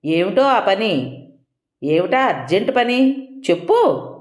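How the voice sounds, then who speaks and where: A woman's voice: medium pitch, sing-song, slow pace, echoey room, voice pushed up. A woman reading the part of a stern older man who angrily questions his nephew. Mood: accusing. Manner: accusing, interrogating. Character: stern angry older man, protective uncle.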